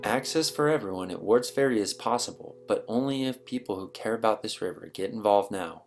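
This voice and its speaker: A man's voice: on the low side, expressive, fairly quick. A man reading scripted promotional documentary narration as the narrator. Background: music with plucked guitar.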